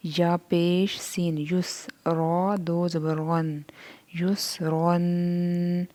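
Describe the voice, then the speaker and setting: A woman teaching Quran reading, spelling out syllables slowly one by one, then explaining quickly. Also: on the low side, level tone, warm tone. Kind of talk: spelling out syllables in a slow lesson.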